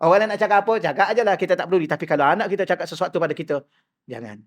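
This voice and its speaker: A man's voice: high-pitched, very fast. A middle-aged man giving a mosque lecture, asking the audience rhetorical questions and acting out the people he quotes. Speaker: religious teacher.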